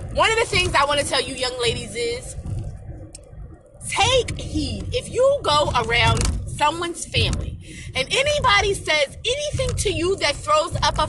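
A woman's voice: very high voice, background noise. A young woman venting in a casual confessional rant, swearing heavily and repeating herself for emphasis as she tells her story and advises young women. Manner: blunt, heavy swearing, emphatic repetition. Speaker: vlogger venting about a relationship.

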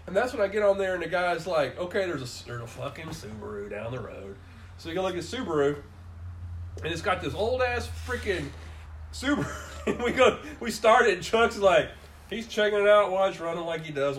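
Lively high-voiced man telling a rambling story. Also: a little fast, a little hiss or hum. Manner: rambling, profane, laughing as he tells it. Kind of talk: casual chat.

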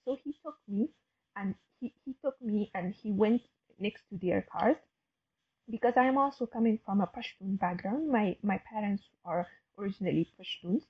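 A woman's voice: medium pitch, normal speed, slightly rough, highs cut off. A woman, a guest telling her story hesitantly, with many fillers and restarts. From Afghanistan. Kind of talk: casual interview talk.

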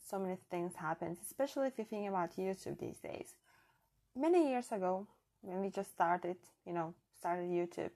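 A European woman with a non-native accent hosts her own podcast in English, her second language, with a mid-range, slightly mellow voice. Her casual solo monologue is earnest, chatty and reflective, recorded on a built-in device mic rather than a proper microphone.

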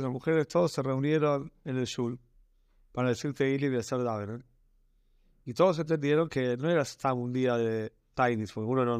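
A man's voice: medium pitch, darkish tone, no room sound, clean studio sound. Earnest Rioplatense man telling a story. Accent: Rioplatense Spanish. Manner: earnest, slows down and stretches words for emphasis.

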